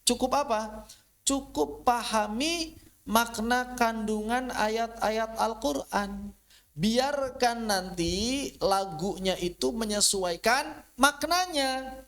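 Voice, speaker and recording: A man giving a religious lecture, explaining patiently, his voice rising and falling and sometimes dropping into a slow chant. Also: very high voice, fairly bright tone. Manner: explanatory, rises and falls, briefly chants verses. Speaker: Islamic teacher.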